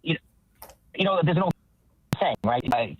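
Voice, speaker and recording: A man's voice: a little high, lively intonation, normal speed, slight background noise. A doctor calling into a talk show from his car, his voice breaking up and stuttering over a bad connection. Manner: emphatic, repeats words while restarting. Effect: call breaking up, choppy stuttering phone audio. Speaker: doctor, phone-in guest. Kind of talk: talk radio phone interview. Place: driving in a car. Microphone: phone call. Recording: muffled lo-fi phone line.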